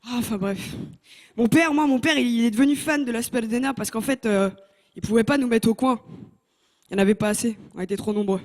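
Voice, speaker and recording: A woman's voice: fairly high pitch, brisk. Young woman doing stand-up on stage. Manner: lively, teases the audience. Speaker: stand-up contestant. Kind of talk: stand-up comedy routine. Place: TV talent show stage. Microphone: handheld mic.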